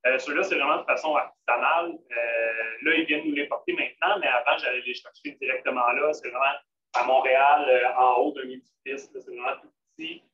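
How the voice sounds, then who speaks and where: This vegan restaurant cook, speaking with a Québécois French accent, hosts a live demonstration of vegan cooking, chatting casually with lots of fillers and false starts. His medium-pitched voice is pushed and bright, fairly even in intonation and a little fast. Faint noise sits in a roomy, distant, dull recording.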